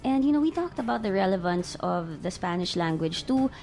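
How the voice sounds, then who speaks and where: A woman's voice: mid-range voice, lively intonation, fairly quick, darkish tone, a little hiss or hum. A woman hosting a radio talk show in a studio, chatting casually and rambling with fillers and restarts.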